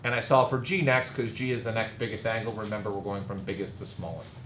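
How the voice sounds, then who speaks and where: Brief: man teaching math, brisk and wry, echoey classroom with faint hiss. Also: on the low side, steady tone, fairly bright tone. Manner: brisk, teasing, direct. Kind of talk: classroom lecture.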